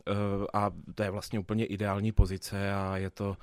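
A theatre dramaturg in his 20s answers interview questions about his theatre work, thoughtful but hesitant, full of fillers and restarted sentences. His pitch is fairly even and flat. The recording is close and dry, with no room sound.

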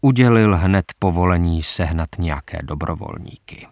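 A man's voice: low voice, darkish tone, no echo, clean studio sound, voice pushed down. A man narrating a story, voicing a hotel owner and former soldier who explains in a composed way.

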